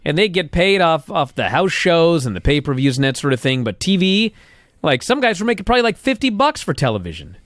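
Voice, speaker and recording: A man co-hosts a casual chat, throwing in wry, profane jokes. His voice sits a little high and swings around a lot. The recording is dry and close-miked. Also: big pitch swings, brisk, a bit bright, dry recording. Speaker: podcast co-host.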